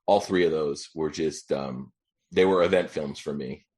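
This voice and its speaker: A man in his forties, a podcast guest, talking casually with many ums and pauses. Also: very deep voice, darkish tone, breathy edge. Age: 40s. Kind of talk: casual chat.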